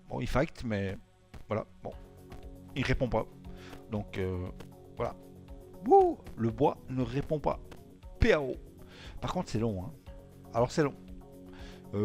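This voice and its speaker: A man with a Swiss French accent giving loose, rambling gameplay commentary, full of fillers and little tag words. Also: medium pitch. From Switzerland. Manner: rambling, filler-heavy, tags lines with "hein". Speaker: let's play gamer.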